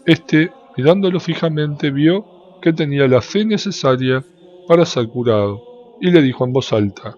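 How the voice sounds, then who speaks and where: A man giving a measured, solemn scripture reading that lifts into a sung lilt at the ends of phrases. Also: a little high, lively intonation, a little mellow. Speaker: Bible reader. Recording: dull, lo-fi with faint background noise.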